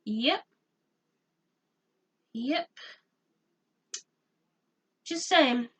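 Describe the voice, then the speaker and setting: Young woman venting about pay, bright sharp voice, a bit far from the mic. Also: high voice, animated, drawn-out words, breathy edge. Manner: exasperated, repeats points for emphasis. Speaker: vlogger. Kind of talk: casual ranting vlog.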